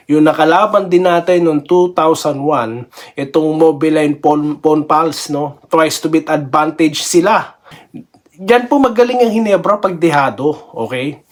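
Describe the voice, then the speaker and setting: Chatty man vlogging basketball. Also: fairly high pitch. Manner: chatty, laughs often, peppers sentences with tag questions. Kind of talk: casual sports commentary vlog.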